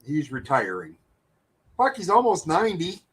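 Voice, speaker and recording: A man with a slightly raised pitch trades jokes and curses in a loose, bantering chat. He talks casually and teases his friend. There is an easy podcast-style feel to the way he speaks. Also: huge pitch swings, normal speed, fairly bright tone, breathy edge, poor audio. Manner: profane, joking and teasing.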